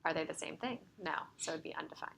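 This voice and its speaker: This woman's voice sits low and sounds gravelly and a bit bright as she quickly walks a math class through each step. She checks in often with "right?" and is slightly losing her voice. The recording is low quality, with some background noise.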